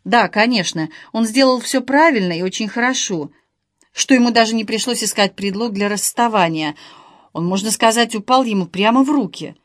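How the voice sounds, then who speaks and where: A woman reading an audiobook in a measured, wry narration. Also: on the high side, no echo, studio quality. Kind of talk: scripted narration.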